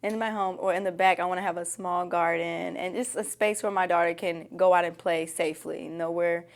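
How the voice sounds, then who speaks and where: A woman's voice: lowish voice, fairly even intonation, a little fast. A woman giving candid, conversational answers as an interviewee. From Nashville, Tennessee.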